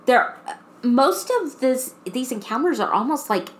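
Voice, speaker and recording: Woman co-host telling a spooky story slow n easy, kinda high voice, trails off and restarts a lot. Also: expressive. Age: adult mother. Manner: unhurried, drawn-out phrasing with trailing restarts. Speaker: podcast co-host. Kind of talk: casual storytelling chat.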